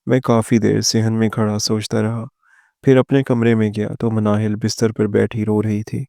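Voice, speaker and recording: A man narrating a first-person moral story with a steady, even reading. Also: fairly low pitch, creaky, no room sound, clean studio sound.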